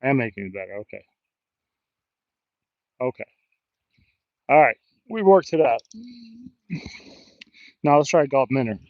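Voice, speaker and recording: Standing in a river in a park, a man from New Jersey chats on an outdoor live stream with an American accent, rambling and cracking self-deprecating jokes. His mid-range voice is sing-song and a little slow, with long pauses. The audio is phone-quality, with no echo.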